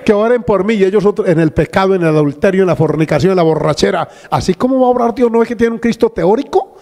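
An older male pastor delivers a fervent sermon, his fairly high voice ringing out with praise and exclamations. A long reverb trails behind each phrase from the church hall he preaches in. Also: fast talker, mellow. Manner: fervent, exclamatory, interjects hallelujahs. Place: church sanctuary.

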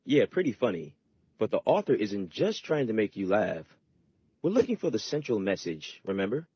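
A man's voice: fairly low pitch, sing-song, moderate pace, slightly rough, no room sound, muffled recording. A man giving patient, scripted narration in an educational reading lesson. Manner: patient, instructive.

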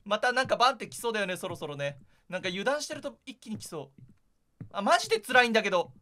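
A man's voice: high voice, big pitch swings, quick pace, pushed and bright. A man doing casual, chatty gameplay commentary for viewers, sounding jittery as he goes. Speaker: gaming streamer.

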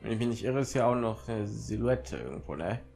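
Young German let's player, offhand. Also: male voice, fairly low pitch, expressive, a little fast, gravelly, a little mellow. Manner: offhand, reads subtitles aloud, chuckles. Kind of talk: casual gameplay commentary. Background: game music.

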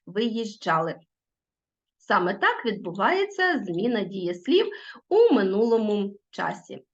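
Teacher woman with lively pitch. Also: highs cut off. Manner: clear, patient dictation, spelling out word forms one by one; addresses pupils directly, asks them to pause the video. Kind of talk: recorded school lesson.

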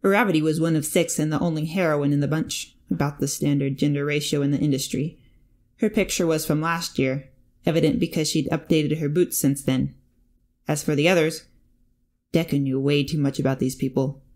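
Low-voiced woman narrating a fanfic. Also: fairly even intonation, brisk, a little mellow. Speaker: fanfic reader. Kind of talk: audiobook narration.

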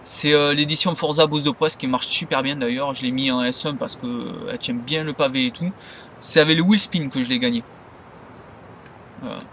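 A man's voice: medium pitch, steady tone, moderate pace, a bit bright, a little hiss or hum. A man giving loose, rambling commentary over his gameplay as a gaming video creator.

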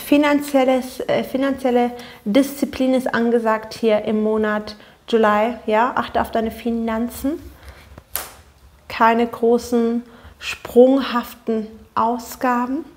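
A woman's voice: fairly high pitch, little pitch movement, takes it slowly, a little mellow. A woman giving a spontaneous tarot reading, speaking earnestly and directly to the viewer with many fillers and restarts. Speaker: tarot reader.

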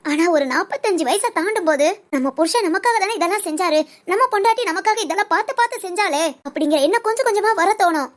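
A woman voicing a caring older woman friend in an audio story, who keeps pressing gently and insistently. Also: very high voice. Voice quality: coaxing, insistent. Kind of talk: audio story role-play.

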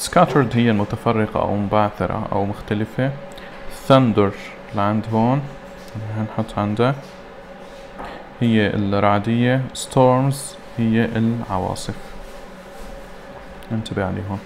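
A man teaching an English lesson. He reads English words slowly and then translates them. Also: on the low side, steady tone, vocal fry, slight background noise. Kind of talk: recorded classroom lesson.

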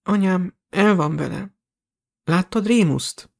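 A man's voice: high voice, animated, vocal fry, voice pushed up. A man voicing an anxious young witch in an audiobook. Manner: worried, hurried.

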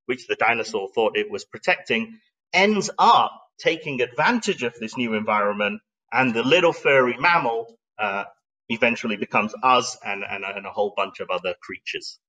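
A middle-aged man giving a live online slide talk has a mid-range, bright, forceful voice with lively intonation at a moderate pace. He's conversational and explanatory, thoughtful and emphatic, regularly posing rhetorical questions. The recording is low-quality, from a distant mic.

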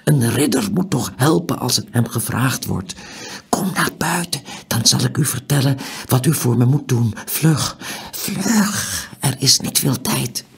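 A man voicing a mysterious hooded old man in an audiobook, in a whispered role-play, hushed, urgent and pleading. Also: medium pitch, lively intonation, normal speed, gravelly, few pauses, slightly rough, pitched above the performer's own voice, full character voice.

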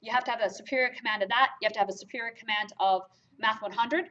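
Racing through a math lecture, a woman from Germany speaks emphatically and quizzes her students with rhetorical questions. Her fairly high voice sounds pushed and bright on the lo-fi classroom recording.

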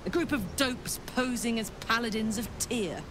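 A woman's voice: on the high side, moderate pace, noisy background, close to an everyday voice. An actress voicing a brash, hot-tempered female tiefling soldier in a video game, blunt and cocky. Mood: brash, confiding. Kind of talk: video game character dialogue.

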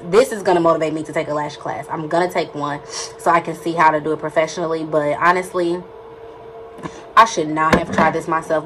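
A woman's voice: lowish voice, a bit bright, a little hiss or hum. A woman vlogging at home at night, sore and near tears, talking straight to her viewers in distress. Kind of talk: casual vlog talk to camera.

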